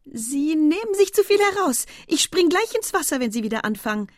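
A woman doing a teasing young wife, high and bright. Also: sing-song, moderate pace, breathy edge, no echo, studio quality, exaggerated voice. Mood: mock-indignant. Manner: playful, mock-indignant.

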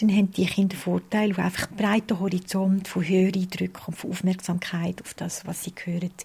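Gravelly Swiss German woman explaining patiently. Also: on the low side, darkish tone. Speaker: early childhood music researcher. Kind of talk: explanatory interview answers.

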